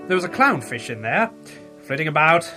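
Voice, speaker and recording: A man's voice: a little high, big pitch swings, fairly quick, over music. A man playing an earnest, heroic male fish newspaper editor in a comedy audio drama, with an overwrought, melodramatic delivery. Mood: dreamy.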